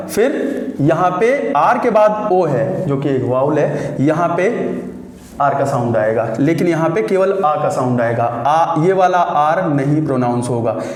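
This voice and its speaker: A man gives a slow, deliberate grammar lesson, asking his listeners questions and answering them himself while he repeats key words. His voice sits high and swings widely in pitch. The room around him is echoey. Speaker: English teacher. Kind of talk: exam-prep grammar lecture.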